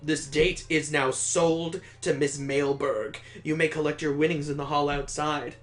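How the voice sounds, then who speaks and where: A stiff, formal auctioneer reads out bids in a slow and deliberately proper voice, as a man puts him on. The voice stays level and measured. Soft music sits behind it. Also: fairly high pitch, steady tone. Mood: announcing.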